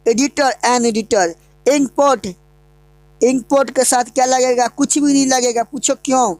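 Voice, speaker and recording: A woman's voice: high-pitched, fairly even intonation, normal speed, a little mellow, no room sound. A woman teaching English grammar in an online lesson, asking the class questions and answering them herself.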